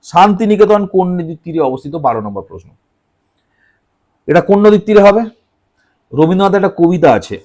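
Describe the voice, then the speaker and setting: A man's voice: on the high side, a little mellow. Chatty male coaching teacher. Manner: chatty, asks and answers his own questions. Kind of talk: casual classroom lecture.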